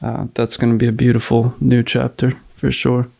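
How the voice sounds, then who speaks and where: A man in his thirties speaks as a podcast guest in an earnest, steady way. His voice is gravelly and warm, with a fairly flat pitch. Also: normal speed. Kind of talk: casual chat.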